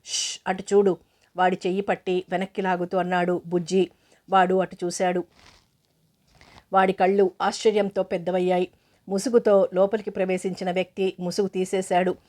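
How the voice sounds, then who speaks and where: A woman narrating an audio novel in a steady, even storytelling manner. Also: fairly low pitch, normal speed.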